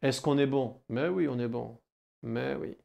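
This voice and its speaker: A man with a southwestern French accent teaching biology in a lively video lesson, talking straight to the viewer and answering his own questions. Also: medium pitch, a little slow, gravelly, dull audio. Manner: animated, addresses the viewer as "kid", rhetorical questions.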